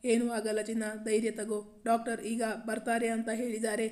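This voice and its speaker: A frightened young husband in a storybook reading, tender and pleading, held to an even, narrow line, as a woman reads him in her own voice. The voice sits fairly high. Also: moderate pace, close to an everyday voice. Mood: comforting. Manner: anxious, pleading.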